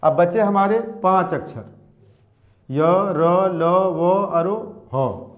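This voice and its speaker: A man's voice: high-pitched, extremely slow. A male teacher giving a classroom grammar lesson, patiently repeating and drilling each point one by one. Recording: dull lo-fi sound.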